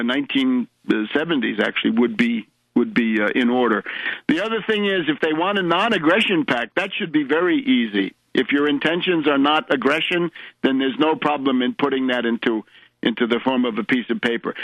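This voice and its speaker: On dull, lo-fi radio audio with no echo, a man with a medium-pitched, slightly bright voice hosts a political show. He delivers an opinionated monologue, sardonic and emphatic, peppered with rhetorical questions.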